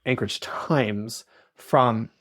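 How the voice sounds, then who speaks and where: A man's voice: mid-range voice, slow pace, a bit bright. A man hosting an interview, asking short curious questions and adding brief comments. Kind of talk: conversational interview.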